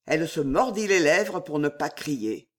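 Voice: mid-range voice, animated, a little slow, a bit bright. An audiobook narrator reading a historical novel with dramatic expression.

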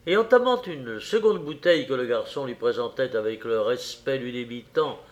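A man narrating a classic novel as an audiobook, reading in an expressive, theatrical way. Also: medium pitch, moderate pace.

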